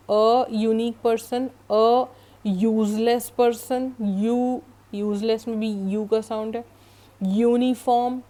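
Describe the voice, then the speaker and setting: Indian woman teacher, unhurried and deliberate, warm mellow tone, spells examples out. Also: mid-range voice. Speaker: English grammar teacher. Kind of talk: explanatory lesson mixing Hindi and English.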